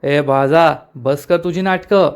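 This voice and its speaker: A hot-headed young son, blunt and angry in defense of his mother, as a male storyteller voices him. The voice sits a little high. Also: unhurried, clear, resonant tone, close to an everyday voice.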